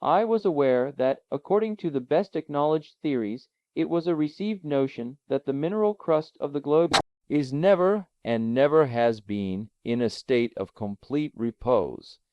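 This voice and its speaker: A man's voice: fairly high pitch, expressive, moderate pace, few pauses. Man narrating a classic adventure novel. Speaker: audiobook narrator. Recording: dull, lo-fi, dry.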